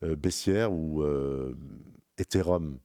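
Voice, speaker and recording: A man talking rapidly and informally as a crypto trading analyst, walking the viewer through charts in a rambling, self-correcting way. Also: very deep voice, dark tone, dry recording, studio quality. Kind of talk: casual chart walkthrough addressing viewer as tu.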